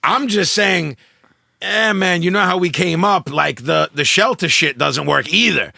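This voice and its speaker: Animated high-voiced man, gravelly. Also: a little slow, no room sound, studio quality. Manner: animated, profane, laughing often. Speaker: podcast host. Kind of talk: casual chat.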